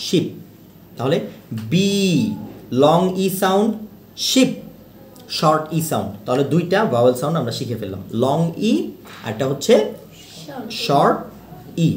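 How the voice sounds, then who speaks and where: Lively man teaching pronunciation in an echoey room. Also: on the high side. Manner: repeats example words slowly, asks questions. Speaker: English teacher. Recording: echoey room with faint noise.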